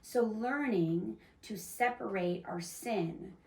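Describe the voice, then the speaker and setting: A woman's voice: medium pitch, takes it slowly, vocal fry. Woman host, earnest explainer, casual restarts, roomy echo, sits back from the mic. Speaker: podcast host. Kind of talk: casual faith-based discussion. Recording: echoey room, mic at a distance.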